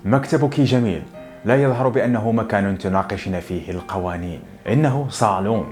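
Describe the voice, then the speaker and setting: A man's voice: fairly low pitch, fairly quick, darkish tone, soft background music, close to an everyday voice. A man reading a conventional young engineer. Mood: earnest. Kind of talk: audiobook narration.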